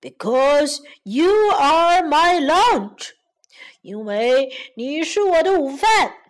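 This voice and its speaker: A greedy, menacing wolf from a children's storybook, as a woman reads him out. He drawls each line very slowly, and the voice swoops from high to low. The tone is sly and mock-polite. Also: big pitch swings, a bit bright, full character voice. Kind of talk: bilingual children's storybook reading.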